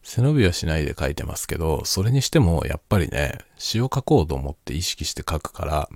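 A man talking quietly in a casual late-night solo chat, reflective and explanatory, often repeating his key phrases. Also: very deep voice, breathy edge, dry recording, studio quality. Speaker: solo host of a spoken chat.

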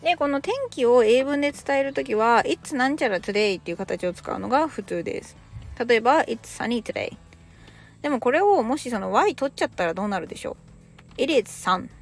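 Woman from Japan, thirties, podcast English teacher, animated pitch, chatty, faint music behind. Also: normal speed. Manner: lively, chatty explaining with casual dialect.

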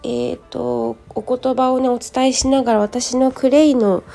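Gravelly, croaky woman fresh out of bed. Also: fairly high pitch, little pitch movement, normal speed, mellow. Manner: polite, rambling, thinking aloud. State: hoarse from just waking up. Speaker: host of a personal audio show and tea and clay teacher. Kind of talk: casual solo audio diary. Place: at home. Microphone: smartphone.

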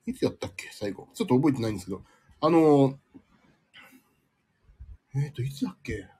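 Man, livestream host, rambling, sleepy, self-mocking, slightly nasal, husky, animated pitch. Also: fairly quick. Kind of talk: casual live-stream chat reading listener comments.

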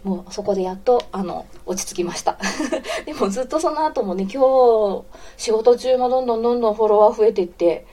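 A woman of about forty from Osaka hosts a casual live audio stream in a warm Kansai accent. Her voice is mellow and relaxed, and she giggles often and breaks off her talk to greet listeners. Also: on the high side, fairly quick. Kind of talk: casual live radio chat, reading listener comments.

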